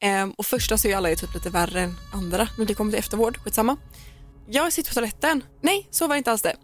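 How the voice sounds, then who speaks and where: A young woman co-hosting a podcast, telling a personal story in animated, quick casual chat and acting out what people said. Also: medium pitch, soft background music. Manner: animated, fast storytelling with acted-out quotes and laughter. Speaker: podcast co-host.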